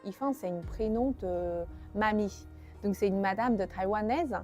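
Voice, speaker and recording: A woman's voice: mid-range voice, measured pace, a little mellow, soft background music. Woman, hesitant. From China. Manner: simple, slightly broken French with hesitations. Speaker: tea shop manager. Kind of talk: casual interview answers.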